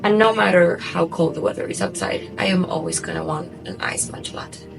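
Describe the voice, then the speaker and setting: A woman's voice: on the low side, very animated, brisk, vocal fry, over music, poor audio. A woman in her twenties from Argentina, a native Spanish speaker with an Argentine accent, chatting casually in a personal vlog. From Buenos Aires, Argentina. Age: 20s. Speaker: vlogger.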